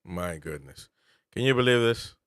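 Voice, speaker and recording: A man's voice: fairly low pitch, expressive, moderate pace, clear, resonant tone, no echo, studio quality. A man from Peru, host and military veteran, giving political commentary with emphatic, incredulous rhetorical questions.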